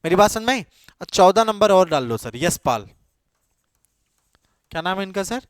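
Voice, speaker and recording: Man, coaching teacher, high voice, dry close sound, classroom exam-prep lecture, repeats questions to his students, mixes in English. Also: sing-song, normal speed, clear, resonant tone, dry recording. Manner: quizzes students with repeated questions, then answers himself.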